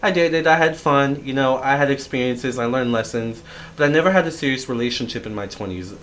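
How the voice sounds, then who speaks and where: A man's voice: mid-range voice, fairly quick, a bit bright, slight background noise. A man of thirty, a tarot reader, talking through a casual, reflective vlog monologue and rambling with plenty of fillers and restarts.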